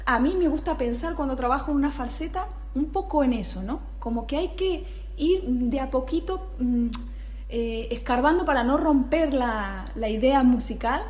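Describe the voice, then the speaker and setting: Brief: young female flute teacher, fairly high voice, patient and explanatory, frequent check-ins. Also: darkish tone. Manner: scat-sings rhythms between phrases. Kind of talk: music tutorial.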